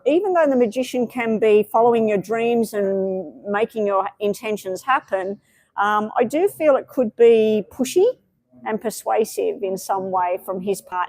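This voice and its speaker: A woman's voice: on the high side, no echo, low-quality recording. A woman giving tarot readings on a live stream, chatty and meandering, with many fillers. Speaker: tarot reader.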